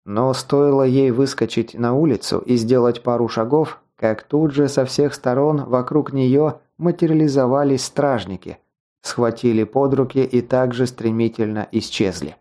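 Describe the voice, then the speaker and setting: Dark, mellow male audiobook narrator. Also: mid-range voice, fairly even intonation, normal speed. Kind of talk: scripted narration.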